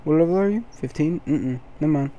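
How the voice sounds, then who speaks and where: A man's voice: fairly high pitch, fast, mellow, lo-fi sound. A man commentating his own gameplay, keeping his voice down late at night and sounding sleepy. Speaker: gaming video host.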